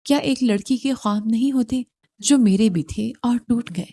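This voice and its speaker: A woman voicing a stubborn, hurt young wife in an audio novel who answers with sharp, reproachful retorts. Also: medium pitch, close to an everyday voice.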